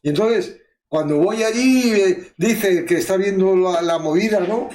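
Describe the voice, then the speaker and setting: A man leads a relaxed Bible study, telling stories with lively delivery and acting out what others say. His voice sits a little high for a man. The room adds a noticeable echo around him. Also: unhurried. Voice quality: animated storytelling, acts out voices. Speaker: preacher. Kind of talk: casual Bible study talk. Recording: echoey room.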